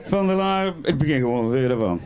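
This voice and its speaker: A man's voice: mid-range voice, lively intonation, a little fast, a crowd in the background. Rambling comic man on stage. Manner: rambling storyteller, talks straight to the audience. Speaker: carnival comedian.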